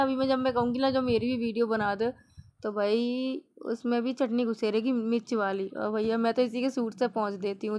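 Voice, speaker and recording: A young woman from northern India narrating her family vlog in a chatty way, laughing often and talking straight to the viewers. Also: on the high side. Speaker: family vlogger.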